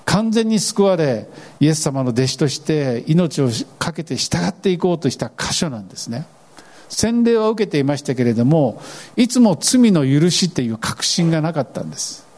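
Pastor, male, preaching with big swings in pitch, mellow tone. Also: moderate pace. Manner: animated preaching, voices scripture lines. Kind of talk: sermon.

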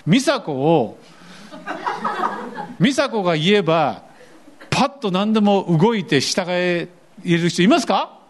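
A man's voice: high-pitched, lively intonation, slow, pauses often, slight background noise. An older man preaching a sermon as pastor, asking his congregation questions and acting out the voices he quotes.

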